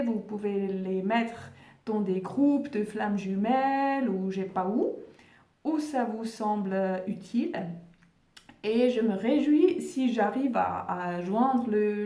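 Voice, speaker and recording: A woman with a non-native French accent, talking gently to her viewers in a vlog and often pausing to search for words. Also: medium pitch, roomy sound, far from the mic. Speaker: spiritual video host. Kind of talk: casual vlog address to viewers.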